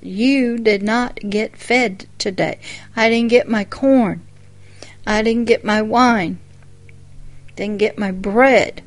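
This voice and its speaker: A woman's voice: on the high side, slow. A woman quoting a male radio preacher, delivering an emphatic, rising list of complaints. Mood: scolding.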